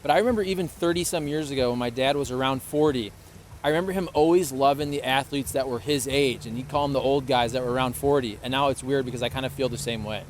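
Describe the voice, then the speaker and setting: A man in his late thirties co-hosting a podcast in relaxed, chatty conversation. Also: medium pitch, fast talker, slight background noise. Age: 30s. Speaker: podcast co-host. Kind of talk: casual chat.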